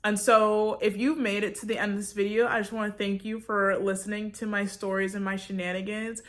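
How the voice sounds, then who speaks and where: A woman's voice: mid-range voice, bright, forceful tone. Chatty young woman telling a storytime. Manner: chatty, says like a lot, acts out her own reactions. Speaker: vlogger. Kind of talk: casual storytime.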